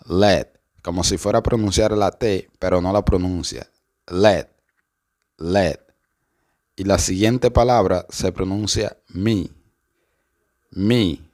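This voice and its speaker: A man with a fairly low voice leads a pronunciation lesson. He speaks very slowly and patiently, saying each word twice so the listener can repeat it. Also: a little mellow. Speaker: English teacher. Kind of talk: slow step-by-step pronunciation lesson.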